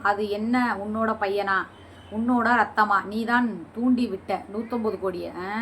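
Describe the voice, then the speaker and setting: Scolding, sarcastic bright-voiced woman. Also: medium pitch, slight background noise. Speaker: vlogger answering viewer comments. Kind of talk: heated reply to comments.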